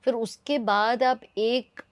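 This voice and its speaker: A woman's voice: on the high side, fairly even intonation, takes it slowly. Female podcast host, curious questioner, short prompts, casual tone. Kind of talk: casual interview talk, mixing Hindi and English.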